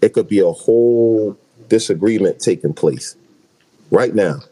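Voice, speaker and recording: Deep-voiced laid-back male host. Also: measured pace, mellow, low-quality recording. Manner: laid-back, slangy, emphatic. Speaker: podcast host. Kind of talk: casual chat.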